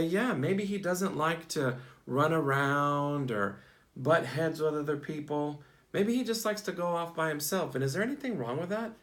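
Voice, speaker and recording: A man reads a picture book aloud to young children with a very animated pitch. In this interactive read-aloud, the teacher asks questions, praises the answers, and repeats them back in short phrases.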